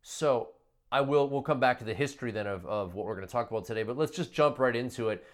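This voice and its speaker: Over an online video call, a podcast host with a Wisconsin accent conducts a casual interview, chatting informally and swearing freely. He has a medium-pitched voice and talks fast.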